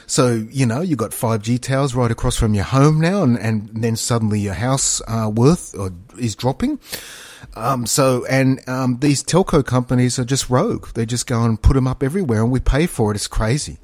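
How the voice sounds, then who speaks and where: Man, mid-pitched, close dry sound, opinionated podcast chat, emphatic, rambling, repetitive. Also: moderate pace, a little mellow, no echo. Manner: rambling, emphatic, repeats himself, matey. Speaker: podcast co-host. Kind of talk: casual opinionated podcast talk.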